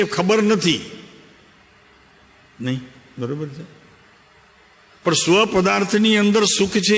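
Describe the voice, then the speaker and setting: An older spiritual teacher talks in a chatty, story-telling way, often turning to ask his listeners questions. His voice sits a little high for a man, and a long reverb trails behind it through a large hall. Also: a bit bright. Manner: conversational and anecdotal, questioning the listeners. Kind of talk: spiritual discourse.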